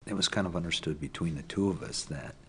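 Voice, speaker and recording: A man's voice: deep voice, fast, creaky, bright, forceful tone, a little hiss or hum. A bereaved father telling his story candidly in a documentary interview. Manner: candid, reflective.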